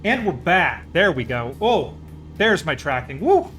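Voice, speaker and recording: A man's voice: fairly high pitch, sing-song, measured pace, sharp tone, faint music behind. A man chatting casually as a live streamer during a flight game, rambling along in an easygoing, enthusiastic way. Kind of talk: casual chat while playing a flight simulator.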